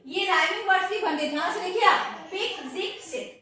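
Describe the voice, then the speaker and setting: A woman teaching an English lesson, slowly spelling out words and asking her students questions. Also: very high voice, bright, forceful tone. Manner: repeats words slowly, quizzes listeners with questions. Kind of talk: classroom-style grammar lesson. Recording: echoey room, voice from a distance.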